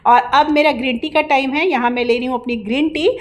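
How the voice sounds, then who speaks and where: Loud woman from india doing a vlog voiceover, high voice, sounds kinda like scolding, no mic. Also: steady tone, fast. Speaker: vlogger and housewife. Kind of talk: voice-over vlog narration. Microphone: no external mic for voice-over.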